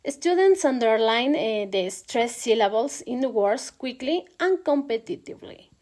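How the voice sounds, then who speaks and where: A young woman giving a recorded class presentation on teaching pronunciation, pausing often with hesitant "eh" fillers. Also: fairly high pitch, expressive, darkish tone. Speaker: student presenter.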